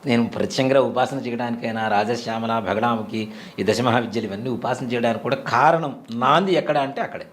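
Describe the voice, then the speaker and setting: A man's voice: mid-range voice, fairly quick, slight background noise. A man in his forties telling a personal story in an interview, retelling it vividly and acting out the voices he quotes. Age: 40s. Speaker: interview guest recounting a temple experience. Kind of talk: conversational storytelling.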